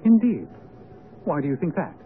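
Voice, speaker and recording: An actor playing a courteous, cautious gentleman doctor in a radio drama, polite and reserved as he investigates. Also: on the high side, big pitch swings, moderate pace, a little hiss or hum. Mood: polite, curious. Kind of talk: radio drama acting and narration. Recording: phone-like vintage radio broadcast.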